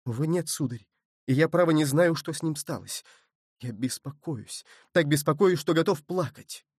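A man's voice: a little high, normal speed, a little mellow, breathy edge, dry recording, clean studio sound. A man voicing an earnest young nobleman, pleading and emotional, his voice raised above his narrating tone. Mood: anxious.

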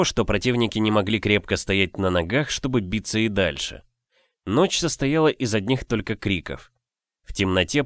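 Brief: male audiobook reader, lowish voice, dry close sound. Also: dry recording. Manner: measured, expressive reading. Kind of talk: first-person novel narration.

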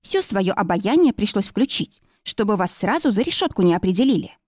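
A woman's voice: mid-range voice, sing-song, fairly quick, darkish tone, breathy edge, no room sound. A curt, snappish woman with a biting tongue, bossy and dry-witted, in a storybook read aloud by a woman narrator; the voice is close and dry with no room sound.

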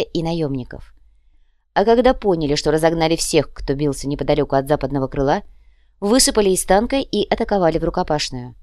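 A woman narrating an urban fantasy audiobook with a steady, even reading. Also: sits low, dry recording, clean studio sound.

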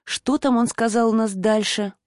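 Woman, audiobook narrator, first-person, expressive, dry close sound. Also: fairly high pitch, moderate pace, no room sound. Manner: expressive, acts out dialogue.

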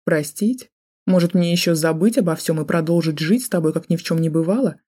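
A woman's voice: fairly low pitch, brisk, dark tone, slightly rough. A woman reading an audiobook, voicing a jealous, drunk man who holds a gun and taunts with sneering threats. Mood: menacing.

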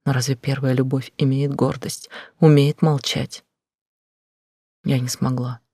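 A man narrating a first-person novel in a quiet, intense, often whispered delivery. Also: mid-range voice, level tone, measured pace, husky, no echo, studio quality. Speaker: audiobook narrator.

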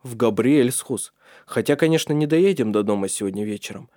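An earnest young nobleman urges and reassures the woman he loves in a storybook reading, played by a man. He speaks at a mid pitch with urgency. The recording is close and dry. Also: lively intonation, a little fast, dark tone, dry recording, close to an everyday voice.

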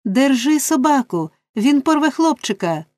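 A defiant young woman cries out in a raised, strained voice, as a woman reader puts her on. The tone is mellow and the recording dry. It is a storybook reading. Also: fairly high pitch, very animated, normal speed, no echo, pitched above the performer's own voice. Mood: frantic defiance. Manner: shouting, defiant.

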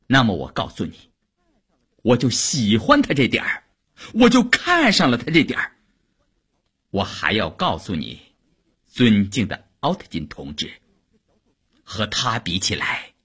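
A man voicing a proud young woman who fiercely defends her husband in an audiobook, with a husky, indignant delivery. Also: mid-range voice, very animated, normal speed, full character voice. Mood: furious. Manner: indignant, rising to sharp outbursts.

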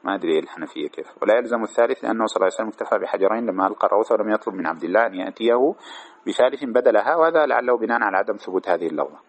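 Fast-talking man teaching a class. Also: on the low side, animated, husky. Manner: fast, checks understanding with asides to students. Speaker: teacher of hadith commentary. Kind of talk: classroom lesson, reading and explaining a text.

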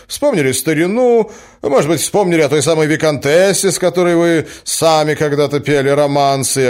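Smooth young gentleman voiced by a male reader, reasoning calmly, brisk and raised. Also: on the high side, pitched above the performer's own voice. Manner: placating, forcedly calm, quick. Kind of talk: audiobook character reading.

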